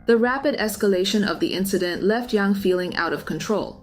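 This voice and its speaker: A woman's voice: medium pitch, a little fast, soft background music. A woman reading a scripted documentary-style narration of a news story.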